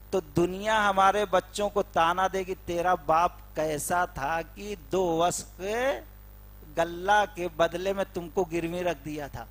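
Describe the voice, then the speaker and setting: A man preaching a sermon in a mosque, retelling a story dramatically with voiced dialogue and building to loud, emphatic peaks. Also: high-pitched.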